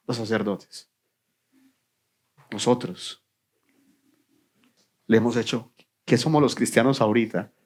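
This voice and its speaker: A man preaching a sermon as pastor in a church, asking questions and answering them himself, dropping to a quiet low voice on the answers. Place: church sanctuary.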